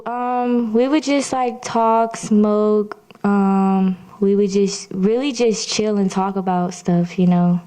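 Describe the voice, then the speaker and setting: Hesitant young woman with a mellow voice. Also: medium pitch, steady tone, slow pace, hardly any pauses, clear, resonant tone. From Georgia, United States. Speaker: witness. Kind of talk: courtroom testimony, brief casual answers. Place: courtroom.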